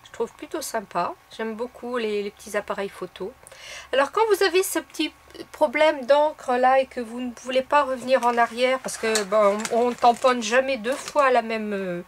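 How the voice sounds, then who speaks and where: A woman hosting a casual crafting tutorial, explaining each step in a chatty way with soft fillers. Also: a little high, a little hiss or hum. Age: adult. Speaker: craft video host.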